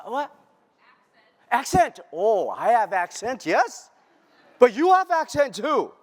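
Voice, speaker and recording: A man's voice: very high-pitched, pitched above the performer's own voice, exaggerated voice. Mr. Miyagi, put on by a man on stage. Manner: halting, clipped broken-English phrasing. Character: old male martial-arts mentor, broken English. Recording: reverberant lecture hall.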